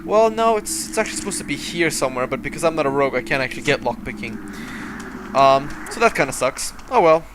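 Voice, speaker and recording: A man's voice: a little high, lively intonation, fast, noisy background. A man commenting sarcastically over his video game playthrough, rambling and joking. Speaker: let's-play host. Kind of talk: gameplay commentary.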